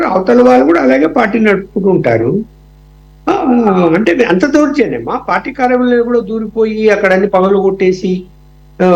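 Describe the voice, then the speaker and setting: High gravelly man arguing emphatically. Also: low-quality recording. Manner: emphatic, fires rhetorical questions. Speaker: political debate panelist. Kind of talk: televised political debate.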